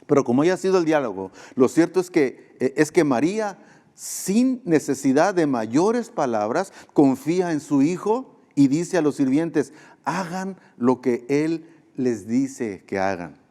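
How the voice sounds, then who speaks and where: A man's voice: a little high, sing-song, unhurried, dark tone. A man pastor with a Mexican Spanish accent, preaching a sermon in an earnest, conversational way with emphatic repetition. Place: church sanctuary. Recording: long church hall reverb.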